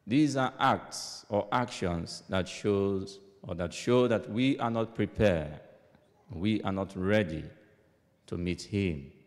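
Slow, deep-voiced priest in cathedral echo. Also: male voice. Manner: deliberate, measured. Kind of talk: solemn scripture reading and homily. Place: inside a large church. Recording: echoing church hall, long cathedral-like reverb.

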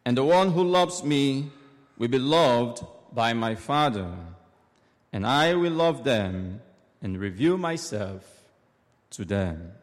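A man reading the gospel at Mass and preaching a homily in a slow, measured, solemn way, with a cathedral echo. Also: mid-range voice, lively intonation. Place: large church. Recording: long echoing church reverb.

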